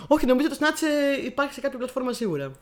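A woman co-hosting a casual podcast, her voice slightly high. She talks with chatty enthusiasm and laughs easily as she goes. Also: big pitch swings. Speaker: podcast co-host. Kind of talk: casual chat about films.

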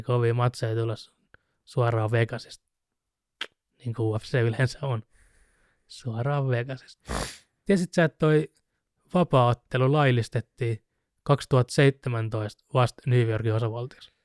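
A man casually chatting on a podcast, telling a story with animated retellings. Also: medium pitch, long pauses, no echo, clean studio sound. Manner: animated storyteller, mimics shouting with laughs. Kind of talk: casual chat about fighting sports.

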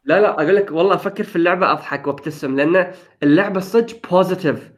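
A man's voice: high-pitched, very fast. A young man in casual gaming chat, upbeat and enthusiastic, slipping English phrases into his talk. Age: young adult.

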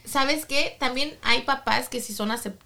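A woman's voice: high voice, measured pace, gravelly, bright, forceful tone. A woman co-hosting a chatty podcast, telling stories and slipping English phrases into her Spanish. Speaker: podcast co-host. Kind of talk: casual chat.

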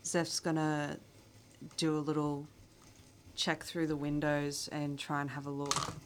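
A woman's voice: low-pitched, monotone, unhurried. A woman playing a tabletop game, describing her character's actions bluntly and with a lot of swearing. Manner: blunt and profane. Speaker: player.

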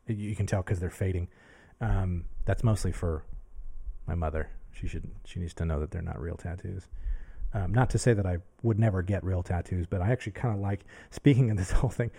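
A man's voice: deep voice, dark tone. A man in his thirties talking to a camera for his podcast, musing and self-searching with many restarts and fillers. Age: 30s. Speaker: podcast host. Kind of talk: casual reflective monologue to camera.

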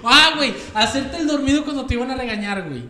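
A young Mexican man in casual chat, animated and joking, often restarting his words, full of slang. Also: extremely high pitch, fast talker, reverberant.

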